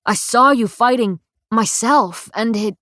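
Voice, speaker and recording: A woman reading the lines of a remorseful young male soldier in a soft, choked, low-key way. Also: a little slow, no room sound, clean studio sound.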